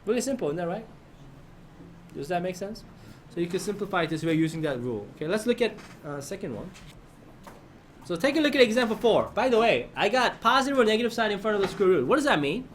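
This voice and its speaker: A man's voice: high voice, very animated, fast talker, slight background noise. A man teaching a math lesson to his class, often prompting students with questions and checking that they follow.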